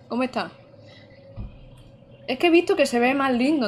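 A woman's voice: fairly high pitch, a little hiss or hum. A woman, streaming a video game live, chatting casually, laughing often and reading chat aloud.

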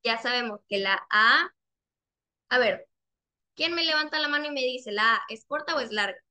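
A young woman teaches English online through a video call, her high, bright voice full of lively intonation. She's patient, repeating questions and slowly drawing out each example word so the learners can hear.

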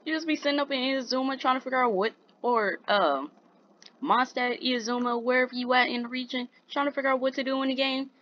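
A woman's voice: sits high, quick pace, dull audio. A woman hosting a reaction video, chatting casually and eating while she talks.

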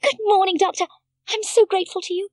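A woman voicing Heidi, an eager, excitable little girl in a storybook reading, calling out breathlessly. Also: very high voice, fairly quick, dry recording, pitched above the performer's own voice.

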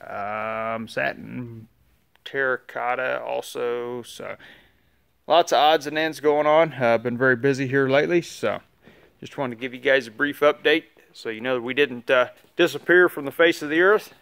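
Filming on his phone as he walks through a large indoor motorcycle shop and showroom, a man gives a casual, rambling update. His voice is medium-pitched, creaky, clear and resonant, at a normal speed, and he relaxes into lots of "uh" fillers.

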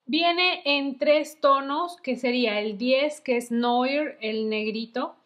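A woman's voice: high voice, a bit bright. Chatty woman reviewing makeup. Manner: chatty, uses many diminutives. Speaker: beauty vlogger.

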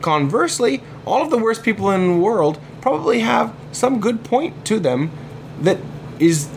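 A man with a high-pitched, sing-song, gravelly voice talks at a moderate pace, with a little hiss or hum present. He is a comics artist guesting on a podcast, chatting casually in a rambling, hesitant way with many restarts and false starts.

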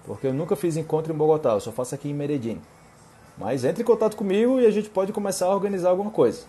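A man's voice: a little high, racing, warm tone, faint music behind. A young Brazilian man with a Brazilian Portuguese accent, a Portuguese teacher chatting casually as he reads out viewer questions and answers them. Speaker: Portuguese teacher and online host. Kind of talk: casual live Q&A.

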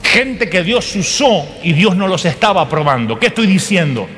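A man preaching an animated sermon to a church, acting out voices with humor. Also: sits high, normal speed, in a large hall.

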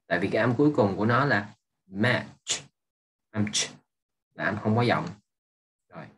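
A man's voice: fairly low pitch, lively intonation, moderate pace, fairly bright tone, slight background noise. A man, an English teacher going over an exam and patiently repeating words while checking that students follow. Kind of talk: exam review lesson.

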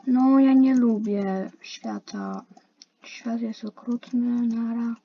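Her voice sits a little high, and this young gaming YouTuber takes her time, casually narrating an online game while complaining and talking to herself and others in the match. The audio comes from a dull lo-fi mic with a light hiss.

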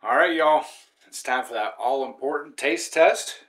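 This home cook, an American in his sixties, casually demonstrates a recipe indoors at his stove, peppering it with folksy, drawn-out "y'all" asides. His medium-pitched voice is a bit bright, over clearly noisy kitchen sound.

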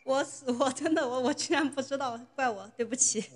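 A woman's voice: high voice, fairly quick. A young woman chatting casually as a livestreamer. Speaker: novice livestreamer. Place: indoor room.

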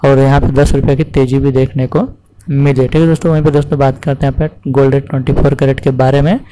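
A man's voice: mid-range voice, level tone, quick pace, mellow, a little hiss or hum, poor audio. A man hosting a channel, reading out market prices to farmers in a repetitive, formulaic way and calling listeners friends. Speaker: commodity price channel host.

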